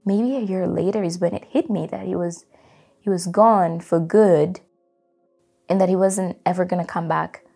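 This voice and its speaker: A young woman from Congo recalls her life in a reflective, unhurried way, full of "like" and "you know." Her voice sits low with a gravelly, creaky edge. Music plays clearly underneath her. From Democratic Republic of Congo. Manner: reflective, with frequent fillers and soft laughs. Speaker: interviewee. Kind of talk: personal storytelling.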